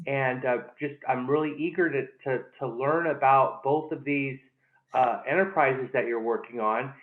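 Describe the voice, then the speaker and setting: Hesitant male host on a tinny line. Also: medium pitch. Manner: halting, hesitant, repeats words. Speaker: interview host. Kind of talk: casual interview. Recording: echoey, tinny phone-like line.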